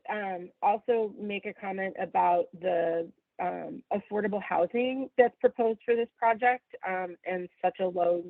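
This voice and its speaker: A woman's voice: mid-range voice, dry recording. A woman speaking over the phone as a member of the public at a meeting, polite and hesitant, with many fillers. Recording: tinny dry phone line.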